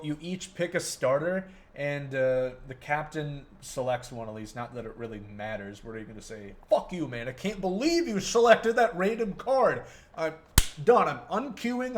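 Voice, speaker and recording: A tired young man giving casual video game commentary as a gaming YouTuber, rattling on quickly like an auctioneer. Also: fairly high pitch. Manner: rapid rambling delivery, like an auctioneer.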